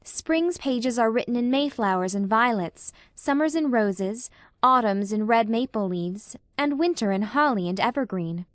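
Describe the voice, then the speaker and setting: A woman's voice: fairly high pitch, animated, a little slow, dry recording, clean studio sound. A woman voicing a dreamy, romantic young woman who speaks in a gushing, lyrical way. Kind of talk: audiobook character voice.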